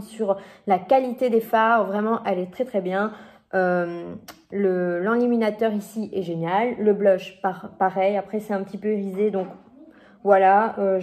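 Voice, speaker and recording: A woman's voice: mid-range voice, mellow. A woman beauty vlogger talking casually through her makeup, hesitant, with lots of fillers and restarts. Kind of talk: casual product review chat.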